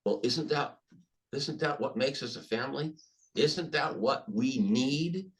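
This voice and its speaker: An older man, a podcast guest, speaking emphatically and telling stories with animated restarts. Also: medium pitch, unhurried, poor audio. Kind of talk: conversational interview storytelling.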